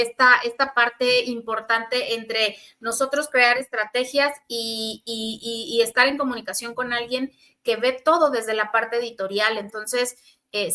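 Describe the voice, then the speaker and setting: A woman's voice: on the high side, bright, forceful tone. A woman who works in public relations, giving earnest advice on a podcast with a few restarts. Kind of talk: podcast conversation.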